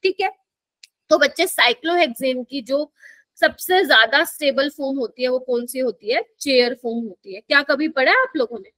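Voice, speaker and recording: A woman teaching a live chemistry class in Hindi mixed with English, speaking in an Indian accent. She explains patiently and slowly, and keeps checking that the students understand. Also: sits high, expressive, fairly bright tone, no room sound.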